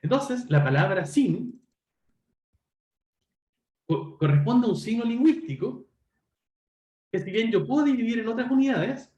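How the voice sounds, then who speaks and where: A man teaching an online lecture in a high, animated voice that rises and falls. He explains step by step, pauses to check in with his students and often corrects himself. The sound carries a roomy echo. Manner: self-correcting, frequent "perdón". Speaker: university lecturer.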